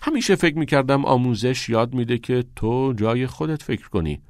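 A man's voice: medium pitch, dry recording, clean studio sound, natural voice. A man voicing a passionate, unconventional male teacher who talks expressively and teases his students. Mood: earnest. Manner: expressive, teasing.

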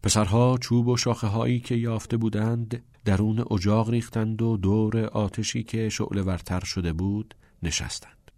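A man narrating an audiobook with an expressive storytelling delivery. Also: on the low side, no room sound.

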